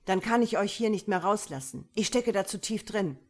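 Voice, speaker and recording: A woman's voice: low-pitched, normal speed, darkish tone. Woman voicing a cornered, bribed male soldier. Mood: desperate.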